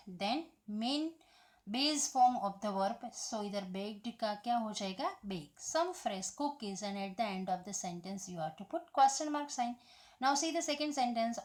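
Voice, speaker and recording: A woman with an Indian accent teaching an English grammar lesson, spelling words letter by letter and slipping into Hindi phrases. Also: fairly high pitch.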